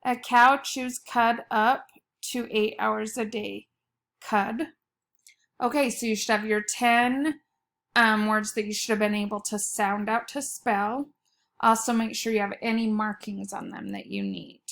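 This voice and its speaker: Slow, careful woman teacher with creaky voice. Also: fairly high pitch, a bit bright. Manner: slow, careful dictation with words set apart and repeated. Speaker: elementary school teacher. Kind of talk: dictating a spelling test.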